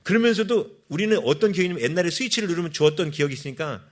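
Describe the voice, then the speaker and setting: Man, pastor, sermon, fairly high voice, very lively pitch, question-and-answer delivery. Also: racing. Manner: animated, asks the congregation questions and answers them himself.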